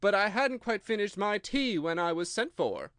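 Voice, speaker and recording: A man's voice: high voice, expressive, moderate pace, fairly bright tone, no echo, studio quality, pitched above the performer's own voice. Man voicing a nervous, trembling hatter. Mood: anxious. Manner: anxious, trembling, pleading. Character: nervous, fidgety adult male hat-maker on trial.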